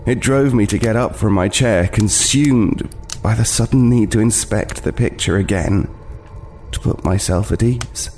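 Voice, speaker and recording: An actor with a lowish, slightly mellow voice that sounds close to everyday speech talks a little slowly against slight background noise. He portrays a haunted, uneasy homeless man telling a first-person horror story, stumbling and brooding as he hesitates.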